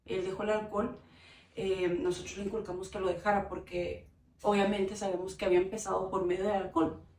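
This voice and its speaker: A woman's voice: medium pitch, flat delivery, fairly quick, a little mellow. A woman giving a heartfelt personal testimony in an interview, talking earnestly and often turning to the listener. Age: adult. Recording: roomy echo, mic at a distance, faint background hiss.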